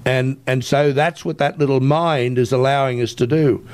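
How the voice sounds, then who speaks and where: A man's voice: mid-range voice, steady tone, normal speed, a little mellow. A man with an Australian accent speaking as an interview guest, explaining and persuading in an emphatic, insistent way and often checking with "right?". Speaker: interview guest, tech entrepreneur.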